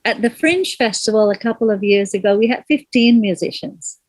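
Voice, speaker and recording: A middle-aged woman from Malaysia, a singer being interviewed, speaking gently and thoughtfully and pausing to find her words. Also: mid-range voice, dry recording, low-quality recording. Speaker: guest, kirtan singer. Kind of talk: reflective interview conversation.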